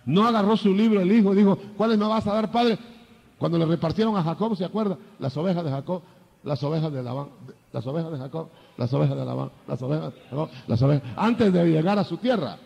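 Older man, preacher, husky, long echo of a hall, lively sermon. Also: fairly high pitch, fast, highs cut off. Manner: lively, acts out biblical dialogue with shifting voices.

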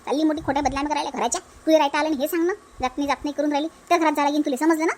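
A woman's voice: high-pitched, steady tone, very fast, a little mellow, natural voice. A woman voicing a stubborn, scolding village mother in a cartoon dub, with a Varhadi Marathi accent. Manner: scolding, repetitive. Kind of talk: cartoon dubbing.

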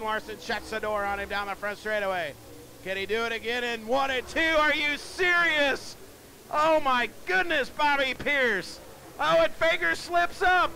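A man calling a dirt track race live, excitable and breathless, often shouting as the action builds. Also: extremely high pitch, a little hiss or hum. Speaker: race announcer.

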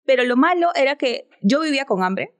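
A woman's voice: high voice, expressive, a little fast. A woman, a podcast guest telling a personal story in an earnest, reflective way. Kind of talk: casual chat.

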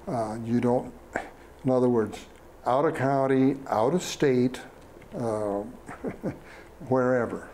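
A man, speaking slowly with many fillers and restarts as a fair superintendent in a studio interview. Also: medium pitch, warm tone, slight background noise. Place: small TV studio. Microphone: lapel mic.

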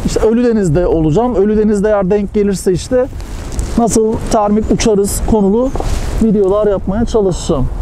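A young man teaching paragliding technique while he flies, calmly explaining and answering his own questions, recorded outdoors on a helmet-mounted camera. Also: high-pitched. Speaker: paragliding instructor and vlogger. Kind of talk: in-flight instructional commentary. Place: outdoors, flying a paraglider over hills. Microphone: helmet-mounted action camera. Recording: faint wind noise.

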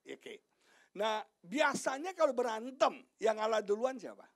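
Middle-aged male pastor, high pitch with wide swings, shouts then drops to a whisper, banters with the crowd. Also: moderate pace. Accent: Indonesian. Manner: animated preaching, swings from shouts to hushed asides; jokes with the congregation, asks them questions. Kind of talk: sermon. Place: church sanctuary.

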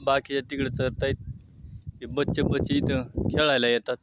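Shepherd talking outdoors over bleating sheep. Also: male voice, medium pitch, flat delivery, moderate pace, heavy background noise. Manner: addresses viewers as friends, keeps pointing things out. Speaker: shepherd vlogger. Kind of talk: casual narration to camera. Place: outdoors at a sheep pen by a road. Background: bleating sheep and lambs.

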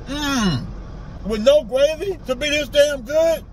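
A man vlogging a food review, talking while chewing food with animated, profane, hyped reactions. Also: extremely high pitch, takes it slowly, slight background noise, rough recording. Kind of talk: casual food review vlog.

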